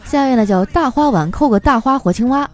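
A woman's voice: sits high, quick pace, soft background music. A woman hosting a comedy podcast, reading out listeners' jokes with frequent laughter. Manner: laughs often while reading, lively. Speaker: host reading joke submissions. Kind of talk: comic storytelling podcast.

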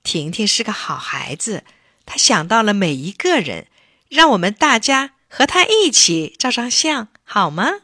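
A woman's voice: medium pitch, big pitch swings, measured pace, pushed and bright, no room sound, studio quality, heavily acted. A woman voicing a friendly male kindergarten teacher who praises a child in a children's story. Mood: praising.

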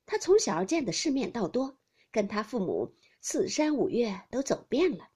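A woman reading a storybook aloud, voicing a tactful middle-aged aunt who speaks softly and carefully. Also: a little high, big pitch swings, normal speed, slightly rough. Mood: confiding.

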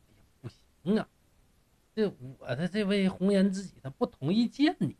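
A man's voice: sits high, expressive, moderate pace, mellow, voice pushed up. A male storyteller voicing an embarrassed young scholar making excuses. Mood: sheepish. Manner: sheepish pleading.

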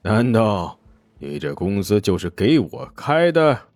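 A man playing a gravelly, sneering gang boss. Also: fairly low pitch, sing-song, takes it slowly, a little mellow, pitched below the performer's own voice, full character voice. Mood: mocking. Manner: sneering and scornful. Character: arrogant middle-aged male gang boss.

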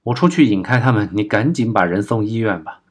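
A man reading an audiobook, voicing a gruff man who gives terse, urgent orders during an escape, in a low, husky voice. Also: expressive, fairly quick. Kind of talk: audiobook character voice.

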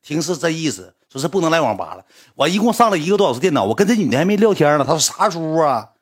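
A man's voice: a little high, big pitch swings, racing, slightly rough. A man with a northeastern Chinese accent telling a casual story in a rambling way, repeating words and acting out what others said.

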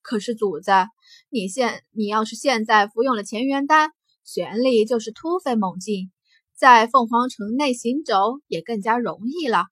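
A woman's voice: on the high side, moderate pace, a bit bright, husky, dry recording. Woman voicing an eager little spirit beast. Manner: eager, chatty.

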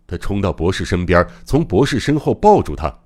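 A man's voice: low voice, very animated, a little fast, darkish tone. A man narrating a mystery novel as an audiobook, in a dramatic, suspenseful reading. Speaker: audiobook reader.

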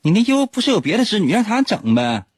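A man's voice: high voice, big pitch swings, fast talker, very noisy, pitched above the performer's own voice. A man doing a pouting weaver goddess. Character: sulky young female weaver goddess.

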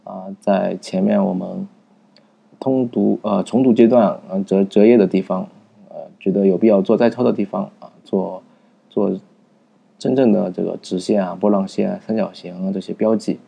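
A man with a low, gravelly voice, very dark and husky in tone. He explains a book's reading method in a loose, conversational way, hesitating often with fillers and starting his sentences over. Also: steady tone, normal speed. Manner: thinking aloud with many fillers and restarts. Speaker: book review narrator. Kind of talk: casual spoken book summary.

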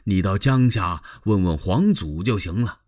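A man's voice: low-pitched, lively intonation, unhurried, darkish tone, pitched below the performer's own voice. A man telling a traditional story, voicing a sly middle-aged male governor who talks in a falsely genial, evasive way.

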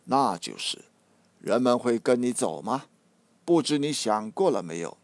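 A man voicing an ailing old male leader who speaks in a hushed, anxious and slow way. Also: mid-range voice, big pitch swings, no room sound. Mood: worried.

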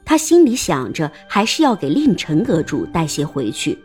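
A woman narrating a historical-fiction audiobook in an expressive storytelling manner. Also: low-pitched, moderate pace, faint music behind.

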